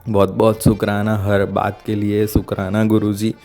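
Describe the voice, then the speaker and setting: A man tells a heartfelt personal testimony in a dark, relaxed voice. He speaks earnestly, often halting and starting sentences over as he looks for the right words. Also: lowish voice, faint music behind. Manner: halting, searching for words, frequent restarts. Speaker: devotee sharing a testimony.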